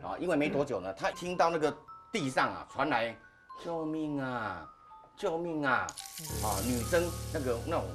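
Animated Taiwanese man telling ghost stories. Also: medium pitch, a little fast, over music. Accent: Taiwanese Mandarin. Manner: animated, dramatic storyteller. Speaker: podcast host. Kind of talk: casual ghost-story telling on a panel podcast.

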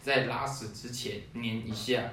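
A man's voice: mid-range voice, fairly even intonation, normal speed, bright, forceful tone, slight background noise. A young man, co-hosting a podcast and telling childhood stories with frequent laughter. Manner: laughs often while telling anecdotes. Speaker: podcast co-host. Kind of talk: casual chat, storytelling. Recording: roomy echo, distant mic.

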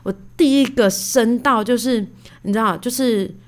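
A woman in her thirties hosting a casual solo podcast, telling stories in a chatty, animated way with lots of fillers. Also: fairly high pitch, moderate pace. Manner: chatty, animated, indignant retelling; many fillers like "you know". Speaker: podcast host.

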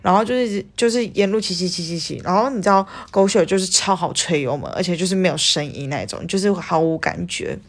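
A young woman with a Taiwanese Mandarin accent, chatting casually on a podcast and telling a story with lively acted-out quotes and casual swearing. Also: fairly low pitch, a little fast, few pauses. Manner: animated, acts out her own lines, swears casually. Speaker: podcast co-host.

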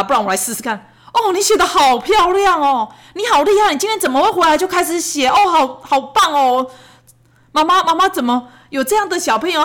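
A mother chats casually about raising her kids in a fairly high, lively voice. She tells her stories in a chatty way and slips into the voices of the people in them. The delivery has the easy feel of a personal podcast. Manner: lively, chatty, acts out quotes. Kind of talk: casual storytelling chat.

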